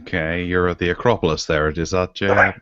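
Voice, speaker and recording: A man hosting a casual tech podcast over an online video call, chatty and relaxed as he leads the segments. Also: low voice, a little fast, muffled recording, slight background noise. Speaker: podcast host.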